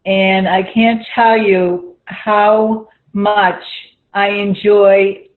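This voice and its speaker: A woman's voice: medium pitch, little pitch movement, soft background music. A woman speaking affectionately to a friend during a podcast. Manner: slow, affectionate. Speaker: caller, friend of the guest. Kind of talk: heartfelt remarks. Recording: tinny phone-like line.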